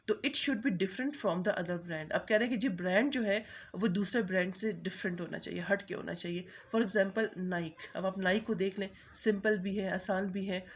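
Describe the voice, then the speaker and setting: A woman lecturer with a husky, breathy voice at an ordinary pitch. She reads English definitions out slowly and then explains each point in a plain classroom manner. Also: fairly bright tone. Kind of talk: recorded marketing lecture.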